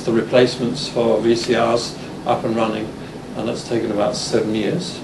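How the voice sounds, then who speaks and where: A man in his fifties from Denmark with an English accent, giving a lecture in a halting manner with frequent restarts. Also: medium pitch, gravelly. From Denmark, born in England. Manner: halting, many restarts and fillers. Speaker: university lecturer giving a talk. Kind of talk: conference lecture. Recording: roomy, distant, noisy hall recording.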